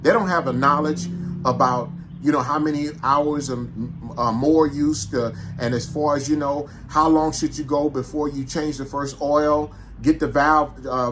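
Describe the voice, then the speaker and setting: Brief: St. man, fairly high voice, animated and emphatic, casual rant to camera. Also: a little hiss or hum. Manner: animated, emphatic, repeats points with rhetorical questions. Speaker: vlogger. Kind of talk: casual opinionated monologue.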